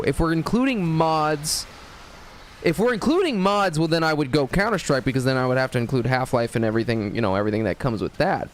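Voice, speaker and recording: A man's voice: a little high, slight background noise. A man streaming a game, chatting casually in a rambling, hesitant way with many fillers and swearing at the game. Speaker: gaming streamer. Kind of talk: casual live-stream chat while gaming.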